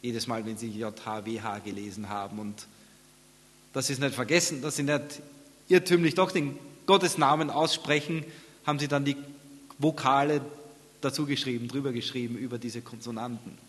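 A man preaching a sermon, moving from quiet, hushed reflection to loud, raised scripture reading. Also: fairly even intonation, moderate pace, big-room sound. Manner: swings from soft, near-whispered reflection to loud, high-pitched scripture reading.

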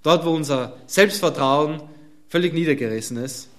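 A man's voice: fairly high pitch, moderate pace, a bit bright. A man preaching a sermon, speaking emphatically and pressing his listeners with repeated rhetorical questions.

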